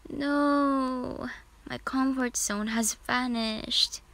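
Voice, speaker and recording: A sleepy young person grumbles about being woken too early in a whispered role-play, as a woman puts them on. The voice rises a touch higher and whinier. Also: fairly even intonation, drawn-out words, creaky, a bit bright, heavily acted. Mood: annoyed. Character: sleepy grumpy young listener.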